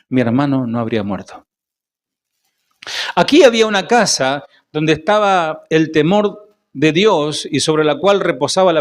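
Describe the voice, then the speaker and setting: An Argentine male pastor with a Rioplatense Spanish accent and a voice on the high side preaches a sermon. He swells to loud questions aimed at the congregation, then drops into quiet asides.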